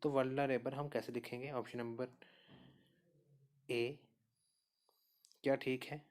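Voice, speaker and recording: Male teacher, mid-pitched, steady and patient, talks through each answer and repeats the key points. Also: slow. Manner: steady explainer, repeats answers and says "okay" often. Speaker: exam prep teacher. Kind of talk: spoken lesson walking through quiz answers.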